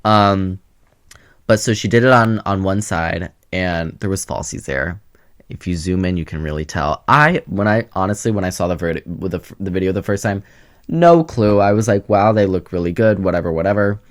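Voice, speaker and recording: A young man with a slightly low voice chats to the camera in a loose, rambling way. He is sassy and quick to change topics, and he keeps it casual throughout. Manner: chatty, sassy, jumps between topics. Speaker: vlogger. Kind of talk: casual rambling vlog chat.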